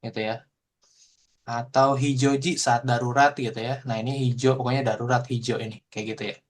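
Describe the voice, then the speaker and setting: A man teaching a Japanese language class online, explaining in a relaxed, chatty way full of fillers. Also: mid-range voice, a little fast. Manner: explains in relaxed casual Indonesian with frequent fillers.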